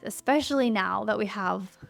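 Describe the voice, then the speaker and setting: A woman's voice: mid-range voice, moderate pace, creaky, faint music behind. A woman in her thirties who is pregnant and a little out of breath. She chats in a friendly, cozy way in a sit-down vlog and laughs often. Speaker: lifestyle YouTuber.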